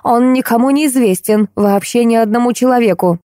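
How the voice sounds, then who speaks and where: A woman's voice: normal speed, dark tone, dry recording, natural voice. A woman voicing a rude, irritable middle-aged woman artist who snaps and accuses, in a dry close recording. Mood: angry. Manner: snapping, shrill, accusing.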